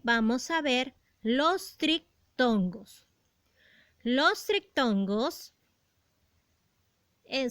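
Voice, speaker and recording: A woman teaching a recorded grammar lesson for primary school pupils, explaining slowly and deliberately and asking rhetorical questions. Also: high voice, a bit bright, no echo, clean studio sound.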